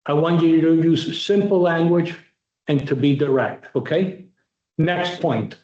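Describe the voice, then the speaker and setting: A man lecturing students on moot court advocacy, emphatic and repetitive, slowing right down to stress key points. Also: a little high, dark tone, echoey room, dull audio. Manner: emphatic, repetitive, direct coaching; varies pace, slowing sharply for emphasis.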